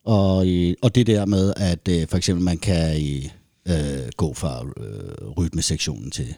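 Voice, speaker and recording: A man's voice: deep voice, creaky, mellow, no room sound, studio quality. A man, a reggae band musician, talking casually with many restarts and fillers. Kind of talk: casual conversation.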